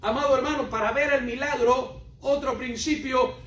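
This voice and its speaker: A man's voice: extremely high pitch, steady tone, normal speed, fairly bright tone. A man preaching a sermon, emphatic and repetitive, putting questions straight to his congregation. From Cuba. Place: church hall. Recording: roomy hall, voice from a distance.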